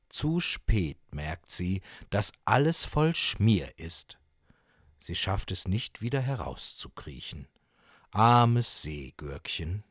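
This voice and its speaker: A man narrating a children's story with expressive, storytelling delivery. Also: low voice, husky, no room sound, studio quality.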